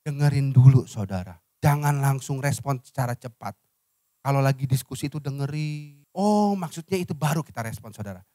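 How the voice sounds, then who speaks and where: A male pastor, preaching a sermon and leading the congregation in reading. His voice drops soft and low at the ends of phrases. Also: expressive, brisk, dry recording, studio quality. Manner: addresses listeners as "saudara", dropping soft and low at phrase ends; leads congregation in reading aloud by counting.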